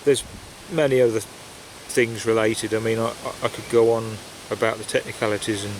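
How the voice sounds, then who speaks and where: A man's voice: on the low side, little pitch movement, moderate pace. A man chatting casually and reflectively, with a hesitant, meandering delivery, outdoors in woodland. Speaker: pipe-smoking vlogger. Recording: outdoor wind noise, basic equipment. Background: wind and rustling leaves.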